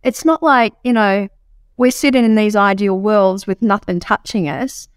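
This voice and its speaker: A woman from Australia, a podcast guest, telling lively stories with vivid examples. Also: medium pitch, moderate pace, clear, resonant tone, no echo, clean studio sound. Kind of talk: casual podcast conversation.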